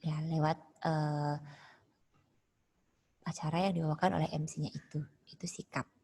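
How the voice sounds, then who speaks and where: A woman's voice: low voice, flat delivery, moderate pace, creaky, warm tone, slightly rough, in a large hall. A woman teacher, explaining a lesson step by step during an online class and checking in with "ya" again and again. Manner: explains step by step, asks "ya" often.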